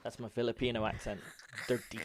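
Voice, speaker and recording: A man's voice: medium pitch, animated, normal speed, a bit bright. An English man co-hosting a podcast, bantering in a joking, self-deprecating way. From England. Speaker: podcast co-host. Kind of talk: casual podcast chat.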